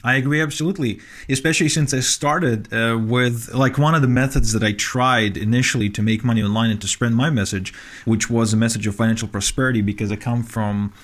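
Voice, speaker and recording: Interview guest, man from Ukraine, mid-pitched, earnest and chatty with lots of restarts. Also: fairly even intonation, fairly quick, a bit bright. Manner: earnest, with frequent fillers and restarts. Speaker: podcast guest, author. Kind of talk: conversational interview.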